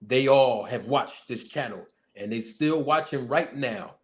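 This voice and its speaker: A boxing manager who also hosts his own online show talks emphatically in a casual, slang-heavy style. He hammers points home with forceful, repetitive, preacher-like emphasis. His mid-range voice moves a little slowly.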